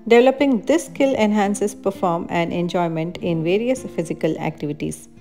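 A woman's voice: fairly low pitch, normal speed. A woman reading a scripted voice-over that explains activities step by step. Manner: even, explanatory reading of benefits. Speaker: narrator of a parenting activity video. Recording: voice-over with faint guitar music.

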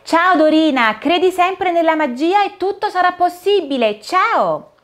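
A woman voicing a kind, gentle young princess heroine with a sweet, soothing way of speaking. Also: very high voice, animated, measured pace, pitched above the performer's own voice.

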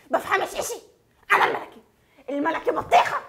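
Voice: very high voice, wildly swooping pitch, normal speed, sharp tone, exaggerated voice. A woman voicing a bratty, silly talking watermelon that talks back defiantly.

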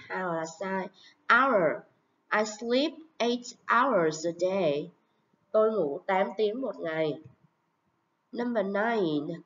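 Slow-speaking woman teaching pronunciation. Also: mid-range voice. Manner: slow, drawn-out model words and example sentences. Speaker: English teacher. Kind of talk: pronunciation lesson. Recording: dull lo-fi recording.

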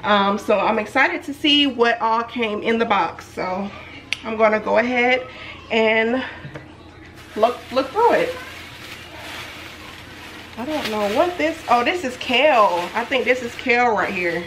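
A woman vlogger talks casually to her camera at home, saying y'all and filling pauses with ums. Her voice sits a little high. A faint hiss of background noise runs under the recording. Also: expressive. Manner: chatty, says "y'all", frequent ums. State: a little out of breath. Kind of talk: casual vlog haul. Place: at home, in and out of doors.

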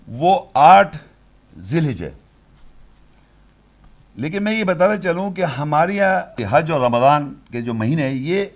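A man teaches in a fairly high voice. He takes his listeners through each step in order and often stops to ask whether they are following. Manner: explanatory, asks listeners rhetorical questions. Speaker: religious lecturer. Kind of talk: lecture walking through the steps of Hajj.

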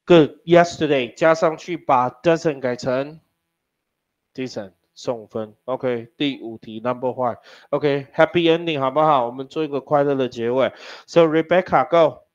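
A man's voice: medium pitch, measured pace. A man teaching an English class, teasing his students and spelling words out letter by letter. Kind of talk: classroom lesson. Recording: dull lo-fi classroom recording.

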